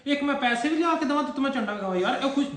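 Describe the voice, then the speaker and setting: A man's voice: expressive, racing. A young man with a Punjabi accent, teasing his mother in a family prank vlog. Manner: teasing, swings between loud and low. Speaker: vlogger son. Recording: echoey room.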